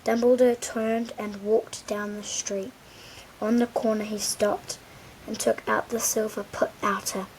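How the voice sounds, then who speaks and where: A woman reading a children's storybook aloud in a gentle, unhurried way, dropping to a whisper at times. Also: mid-range voice, flat delivery, a little hiss or hum, low-quality recording. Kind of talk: children's audiobook read-aloud.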